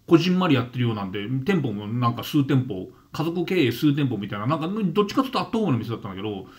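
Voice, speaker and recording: A man in his fifties from Gunma, Japan, hosts his own channel and tells an everyday story straight to camera. His voice sits at a middle pitch and swings widely up and down. He often stumbles, repeats words and briefly mimics the people he is describing. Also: very animated, rapid-fire. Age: 50s. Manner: frequent restarts and repeated words. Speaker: channel host. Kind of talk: casual talking-to-camera monologue.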